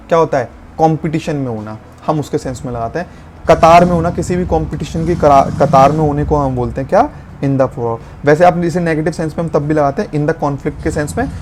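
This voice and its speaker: A man explaining English vocabulary in a lesson, slowing down to spell out and stress key words. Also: a little high, darkish tone, a little hiss or hum.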